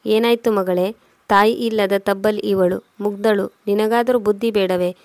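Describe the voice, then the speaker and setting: A gentle elderly father-in-law who pleads for peace in the family, as a woman narrator voices him in a storybook reading. The voice is flat and even. The sound is dry and close. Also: medium pitch, normal speed, no echo, lightly acted. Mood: pleading. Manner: pleading, conciliatory.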